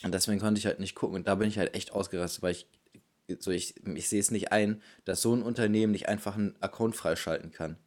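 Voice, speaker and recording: A man's voice: lowish voice, steady tone, quick pace, darkish tone. A man co-hosting a podcast, chatting loosely and ranting with many fillers. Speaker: podcast co-host. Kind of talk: casual chat.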